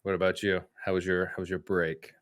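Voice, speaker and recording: A man's voice: low voice, a little fast, no echo. A man co-hosting a casual cooking podcast, joking around and laughing often. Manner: jokey, laughs often, lively delivery. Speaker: podcast co-host. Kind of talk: casual chat.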